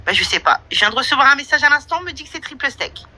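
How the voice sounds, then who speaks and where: On a low-quality recording, a woman running an online audio room talks very fast in a high, animated, bright voice with a forceful tone. Her casual monologue is brash, slangy and confrontational, taking listener questions along the way.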